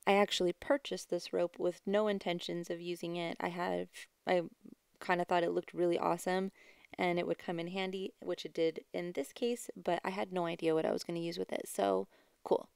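A woman giving a casual, chatty do-it-yourself voice-over as a craft vlogger, with a creaky yet smooth voice. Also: on the low side, steady tone, a little fast, a little mellow, dry recording, clean studio sound. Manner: chatty, informal. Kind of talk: casual DIY voice-over narration.

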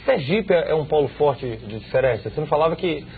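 A man in his thirties interviewing a guest in a TV studio, asking quick, lively questions on a lapel mic. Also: fairly high pitch, a little hiss or hum. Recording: tinny lo-fi broadcast audio.

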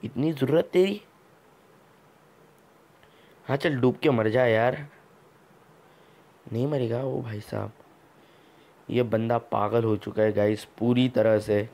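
A man's voice: mid-range voice, fairly even intonation, slow pace, long pauses, mellow. A man hosting a gameplay video, giving casual commentary full of teasing, mock-scolding banter.

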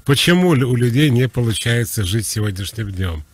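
A man giving psychological advice on a radio call-in show, explaining in a relaxed, conversational way. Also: mid-range voice, brisk, breathy edge, no echo.

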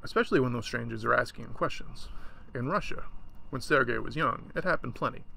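A man reading a short story aloud in a relaxed way, stopping now and then for casual asides. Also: mid-range voice, brisk, gravelly, slight background noise. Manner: relaxed, chatty asides between passages.

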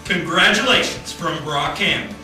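A man's voice: fairly high pitch, animated, normal speed, very echoey, distant mic, over music, close to an everyday voice. A man playing a cheesy church news anchor, with upbeat, jokey patter in a church video sketch. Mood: cheery.

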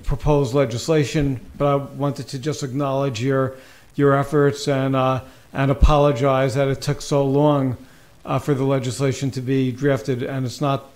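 A man's voice: mid-range voice, darkish tone. A man on a town board, speaking hesitantly with fillers in an apologetic, acknowledging manner. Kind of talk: meeting remarks.

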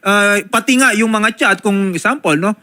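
A man, a lawyer, mediating a complaint politely and asking measured questions, mixing in English. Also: sits high, sharp tone. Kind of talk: mediating a dispute.

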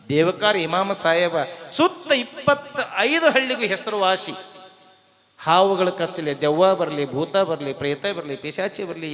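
A man's voice: high-pitched, a bit bright. A man telling a devotional story, dramatic and sing-song, acting out the characters' lines. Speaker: purana storyteller. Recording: long hall reverb with faint music.

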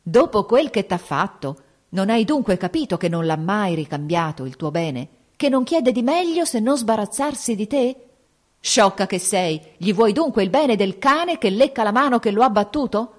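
A woman reads an audiobook, voicing a harsh, domineering old baron who hurls scornful rebukes at his daughter. As a furious older nobleman father, his voice runs high and loud, straining upward as his anger flares, very animated at a normal speed.

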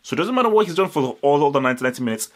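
A young man hosting a football channel, giving animated direct-to-camera match analysis indoors, stressing points and repeating words. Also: a little high, racing. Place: indoors, small room with curtains.

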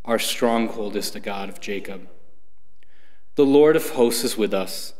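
A man reading scripture and leading the psalm at Mass in a steady, solemn way, with a cathedral echo around his voice. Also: fairly low pitch, measured pace. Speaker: lector. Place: large church. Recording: long church reverb.

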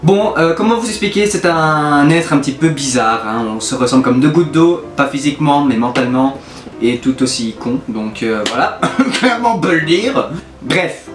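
A YouTuber in his early twenties hosts a prank video from a small indoor bedroom, chatting casually to the camera with playful, teasing exasperation. His fairly high voice is expressive and moves at a normal speed. The recording has a roomy echo with music playing behind him.

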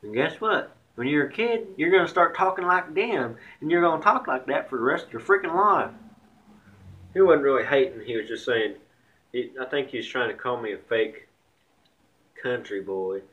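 A man's voice: mid-range voice, animated, normal speed, muffled recording. A young man with a slight Southern country accent, rambling bluntly and swearing in a casual vlog rant. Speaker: vlogger.

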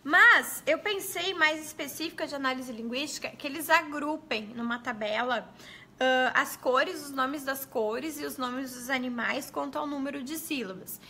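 Woman educator, high and bright, chatty explainer talking straight to teachers. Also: moderate pace. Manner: chatty, explanatory, addresses viewers as gente. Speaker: pedagogue.

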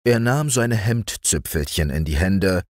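A man narrating a fairy-tale audiobook in a calm, soothing bedtime reading voice. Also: low-pitched, a little slow, no echo, clean studio sound. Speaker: storyteller.

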